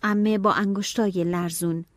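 Expressive woman reading a novel aloud. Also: medium pitch, no room sound, clean studio sound. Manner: expressive, shifting to hushed whispers and anxious cries. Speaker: audiobook narrator. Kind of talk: dramatic audiobook narration.

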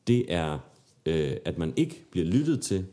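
A man's voice: low voice, very animated, mellow. A man with a Danish accent co-hosting a casual podcast, talking in an informal, candid, rambling and sometimes sweary way. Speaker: podcast co-host.

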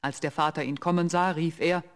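A man giving scripted fairy-tale narration in an even storytelling voice. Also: a little high, brisk, smooth.

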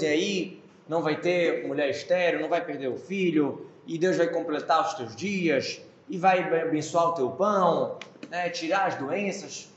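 A man with a Brazilian Portuguese accent gives a Torah lesson in a somewhat high voice. He explains Hebrew words as he goes and poses questions, then answers them himself. The sound carries an echo from the room. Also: lo-fi sound, a little hiss or hum. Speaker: rabbi teaching the weekly Torah portion.

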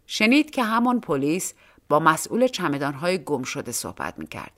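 A woman's voice: low-pitched, wildly swooping pitch, fairly bright tone. A woman narrating a short story for an audiobook, reading expressively and acting out the dialogue.

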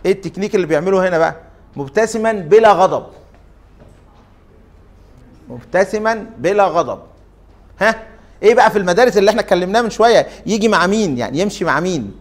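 Egyptian man lecturing in a fairly high voice. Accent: Egyptian Arabic. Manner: questioning the class, drawn-out fillers. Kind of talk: interactive lecture.

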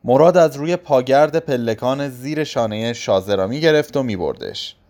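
A man narrating a literary audiobook in a slow, subdued voice. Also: medium pitch, expressive, darkish tone. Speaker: audiobook reader.

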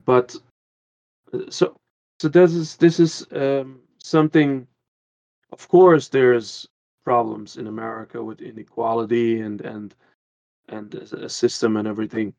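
A man's voice: mid-range voice, fairly even intonation, unhurried, gravelly, a little mellow. A man from the Caribbean, a guest on a podcast, talking in an earnest, rambling way with many restarts. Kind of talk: casual podcast conversation.

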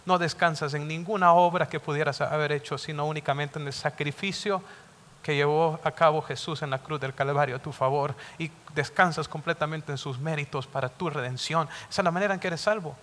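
A man preaching a sermon, emphatic, building to loud, fervent pleading. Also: fairly high pitch, fairly even intonation, a little fast. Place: church. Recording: long reverb of a church hall.

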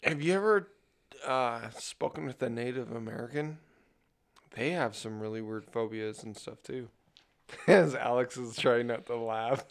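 A man's voice: medium pitch, measured pace, gravelly. A man hosting a casual podcast chat, laughing often as he talks. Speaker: podcast host.

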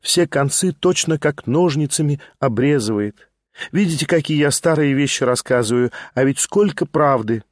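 A male reader voicing an impulsive, lively young woman in an audiobook, talking in excited, emotional bursts. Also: on the high side, no room sound, studio quality, voice pushed up, natural voice. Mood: wistful. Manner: excited, rushing, emotional exclamations. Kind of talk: audiobook character voice.

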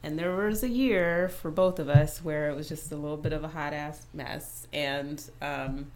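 Giggly low-voiced woman co-host. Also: steady tone, moderate pace. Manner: giggly, reactive banter. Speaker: podcast co-host. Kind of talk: casual chat.

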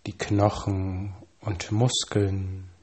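A man calmly reading scripted guided relaxation instructions, with measured pauses and slow counting. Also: deep voice, husky.

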